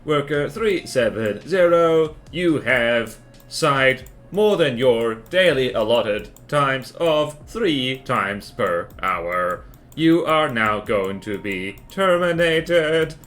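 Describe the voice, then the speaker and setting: A man's voice: medium pitch, animated, takes it slowly, fairly bright tone, faint music behind. A man doing a robot voice as a cold dystopian manager who barks clipped orders at workers. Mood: commanding. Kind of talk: mock robot impression while drawing.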